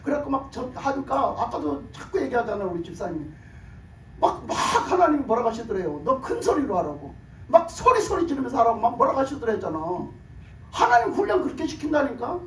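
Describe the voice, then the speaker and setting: A man delivers a sermon in a raspy, worn voice that sits extremely high. He presses his points with rhetorical questions and chuckles along the way. He is picked up from a distance in an echoey room with faint ambience behind him. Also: sing-song, fast, a little hiss or hum. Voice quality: hoarse, broken voice from years of shouted prayer. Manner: emphatic, rhetorical questions, laughs while preaching. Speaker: pastor.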